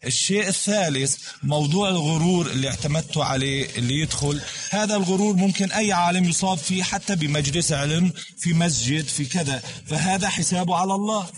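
Hesitant man raising points, slightly high. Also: quick pace. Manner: hesitant, many fillers, loses track of his points. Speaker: questioner in a religious discussion. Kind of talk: recorded religious discussion.

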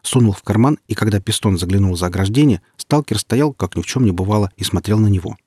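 A man reading an audiobook in an even, descriptive style. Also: fairly low pitch, quick pace, breathy edge, no room sound, clean studio sound. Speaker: audiobook reader. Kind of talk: scripted narration.

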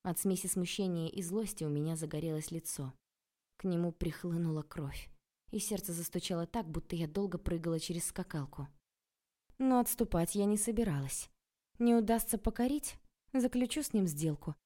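A woman reading a first-person audiobook in a lively, sarcastic and dramatic way. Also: on the low side, normal speed. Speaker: audiobook narrator.

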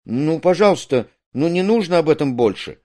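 A shy, merry young woman, as a man reading the play puts her on, a little higher than his own voice. She sounds light and bashful. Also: lively intonation, normal speed, darkish tone, natural voice.

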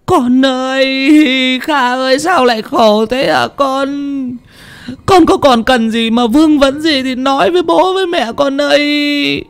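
A man's voice: very high voice, measured pace, pitched above the performer's own voice. A man voicing a grieving middle-aged mother who wails and pleads in a sobbing lament. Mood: wailing.

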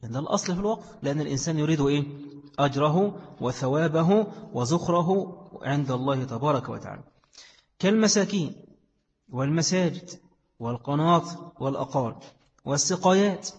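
A man's voice: on the high side, expressive, fast talker, pauses often, darkish tone, in a large hall, highs cut off. A man with an Egyptian Arabic accent teaching a class on Islamic jurisprudence. He keeps putting questions to his students and answering them himself. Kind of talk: classroom lecture on fiqh.

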